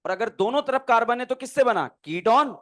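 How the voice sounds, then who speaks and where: A high-pitched man teaches chemistry in a classroom lecture. He keeps quizzing the class and answering his own questions, with a playful, teasing manner. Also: animated, brisk, fairly bright tone.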